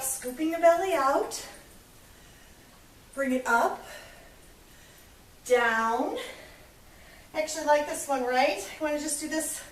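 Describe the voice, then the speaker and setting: A woman fitness instructor talks students through a leg workout, counting down reps and cheering them on. She sounds a little out of breath from moving along with them. Her voice is on the higher side and comes from a distance in a roomy space with a faint hum of ambience. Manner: upbeat, encouraging, counting reps. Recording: echoey room, voice from a distance.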